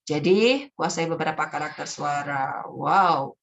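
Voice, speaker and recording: Animated woman storytelling trainer. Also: deep voice, unhurried, gravelly, dull audio. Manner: animated, switches into character voices. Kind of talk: storytelling workshop talk.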